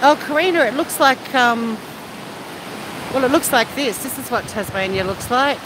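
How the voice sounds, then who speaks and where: With a fairly high pitch and a moderate pace, an Australian woman streams live from a beach. Her talk is casual and cheeky as she responds to viewers, all over a loud, unbroken wash of wind or surf.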